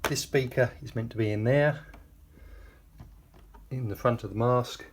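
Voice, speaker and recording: A man with a medium-pitched voice takes his time delivering a relaxed, plain-spoken and grumbling product review to camera. He's in a small enclosed room, picked up by a distant camera microphone that gives a roomy sound with faint noise.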